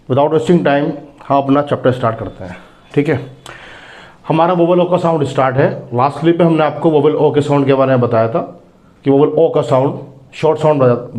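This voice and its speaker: A man teaches an English phonics lesson. His voice sits fairly high, and he spells each word out letter by letter, then repeats the sound slowly for his students. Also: darkish tone.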